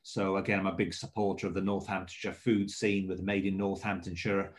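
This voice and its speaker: Low-voiced middle-aged man, mild South Welsh accent. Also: level tone, fairly quick. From Swansea, South Wales. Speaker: hotel manager, interview guest. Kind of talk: conversational interview answers.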